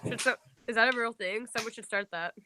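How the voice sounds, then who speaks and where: A young woman chats on a group video call with blunt, playful remarks. Her voice is bright and clear, and it comes through a video-call mic. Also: fairly high pitch, fast talker. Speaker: guest. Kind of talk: casual group video chat.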